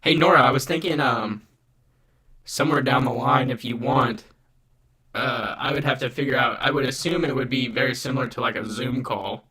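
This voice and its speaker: A man with a bright, forceful voice chats casually on his live stream. He greets viewers by name and rambles loosely from one idea to the next, speaking into a USB desk microphone. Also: medium pitch, moderate pace.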